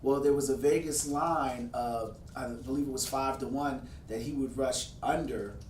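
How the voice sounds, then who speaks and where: A man's voice: mid-range voice, steady tone, normal speed, darkish tone, roomy sound, recorded from a distance, a little hiss or hum. A man co-hosting a casual sports talk show, teasing and boastful in his banter. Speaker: co-host.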